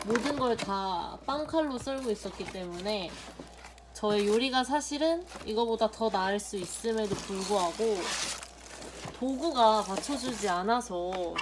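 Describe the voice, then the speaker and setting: A young woman vlogger narrating an unboxing in a chatty, playful way, muttering softly to herself while she handles things. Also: mid-range voice, unhurried. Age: young adult. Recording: loud background noise.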